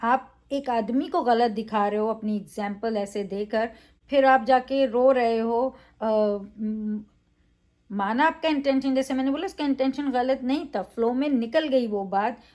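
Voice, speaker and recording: A woman's voice: fairly high pitch, measured pace, darkish tone. A woman reviewing a reality show in a casual, opinionated way, emphatic, with frequent fillers.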